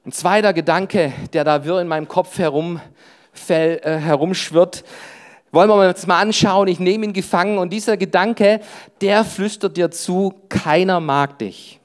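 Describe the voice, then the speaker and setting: A man's voice: steady tone, moderate pace. Emphatic man preaching to youth. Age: adult with wife and children. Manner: emphatic, often breaks in with "hey"; drops his voice low and quiet for inner thoughts. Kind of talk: sermon to young people.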